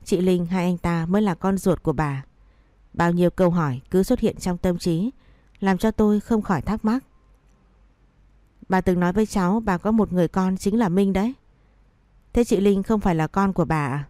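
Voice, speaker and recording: Low, mellow-voiced woman storyteller. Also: moderate pace, long pauses, dry recording. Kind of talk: first-person story narration with character dialogue.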